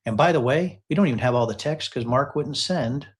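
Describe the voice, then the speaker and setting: Running a relaxed live political talk, a medium-voiced male host goes through political text messages a little fast. He stays emphatic throughout and repeats phrases to drive the point in.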